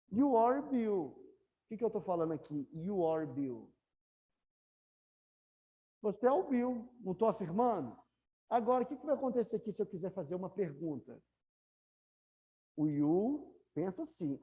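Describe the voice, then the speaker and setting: A woman's voice: on the low side, mellow, lo-fi sound. A woman English teacher with a Brazilian Portuguese accent, explaining grammar to a class and checking in with students often. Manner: patient, repeats questions to students.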